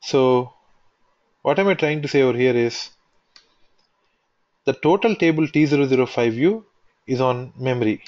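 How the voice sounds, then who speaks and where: A man talks through a software tutorial at a middling pitch, restating each point step by step. The recording is dull and lo-fi, with faint clicking behind him. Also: normal speed, pauses often. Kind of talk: screen-recorded technical walkthrough.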